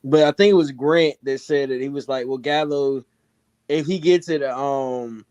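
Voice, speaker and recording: A man co-hosting a sports podcast, hoarse from screaming, telling stories in an animated, excitable way. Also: medium pitch, no room sound, highs cut off. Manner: animated storytelling, fast and excitable. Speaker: podcast co-host.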